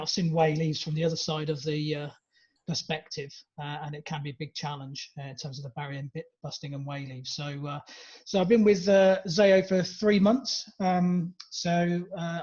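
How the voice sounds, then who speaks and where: A man's voice: fairly high pitch, darkish tone. A man with an English accent presenting on a webinar in a chatty, hesitant way with many fillers. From England. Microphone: video call. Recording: lo-fi video call audio.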